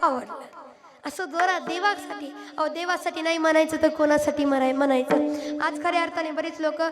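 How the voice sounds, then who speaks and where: Woman kirtan preacher, very high voice, teasing and coaxing, live crowd behind. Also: steady tone, brisk. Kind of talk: devotional kirtan sermon leading audience chants. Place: live religious gathering with audience. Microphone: microphone through a PA system. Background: audience responding and chanting.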